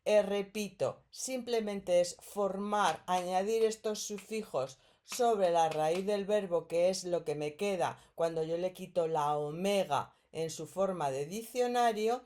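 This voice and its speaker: A woman's voice: lowish voice, a little slow, darkish tone. A woman from Spain teaching a recorded grammar lesson, explaining patiently step by step and checking in with her students.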